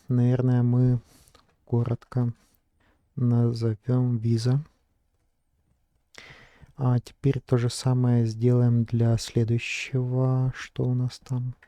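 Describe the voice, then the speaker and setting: Hesitant male vlogger, very dark flat voice, dry close sound, thinks aloud. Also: mid-range voice, drawn-out words, long pauses, clear, resonant tone, no room sound. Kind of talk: casual screen-recording narration.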